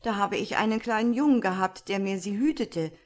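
A woman reading a fairy tale aloud and voicing a shepherd who complains loudly and gets angry fast. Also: mid-range voice, natural voice. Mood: upset. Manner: loud, aggrieved and quick-tempered. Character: upset grown man, a shepherd.

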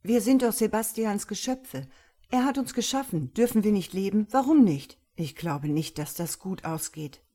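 A woman's voice: lowish voice, normal speed, darkish tone, lightly acted. A woman voicing a gloomy, grumbling helmeted male creature in a read-aloud story. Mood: worried. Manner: grumbling and worried.

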